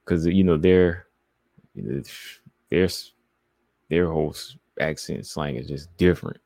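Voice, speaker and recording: A deep-voiced man with a Southeastern American accent talks loosely on a casual livestream, reading chat comments and rambling between them. His voice sits very low, and the recording is dry and close, with no room sound. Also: measured pace, vocal fry, mellow, no room sound. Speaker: podcast host reading live chat.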